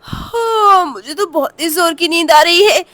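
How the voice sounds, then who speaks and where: A woman's voice: extremely high pitch, normal speed, a bit bright. A woman voicing a tired young village mother in a doll story, talking in a sleepy, pleading way.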